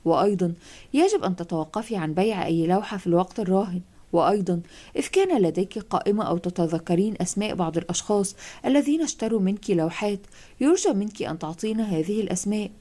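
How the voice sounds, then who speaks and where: A woman voicing a cold, businesslike male police detective in a horror audiobook, with a flat, matter-of-fact delivery. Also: medium pitch, quick pace, lightly acted.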